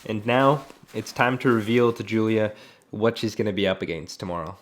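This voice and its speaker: A man's voice: fairly low pitch, moderate pace, slight background noise. A man presenting a vlog as host, speaking in an informal, enthusiastic, slangy way. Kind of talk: casual vlog presenting and narration.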